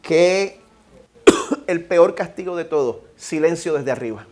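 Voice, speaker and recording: A Puerto Rican-accented male pastor preaches a sermon in a slightly high voice. He reads scripture slowly and emphatically. Then he exhorts his listeners directly. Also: lively intonation, a little mellow. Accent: Puerto Rican Spanish. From Puerto Rico. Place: church sanctuary.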